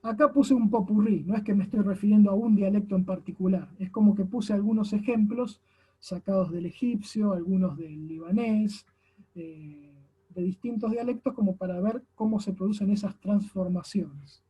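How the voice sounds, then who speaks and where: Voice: mid-range voice, normal speed, warm tone, slightly rough. A teacher with an Argentine accent giving a recorded class lecture, explaining step by step and often tagging sentences with a questioning "no?". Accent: Argentine Spanish. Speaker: language teacher.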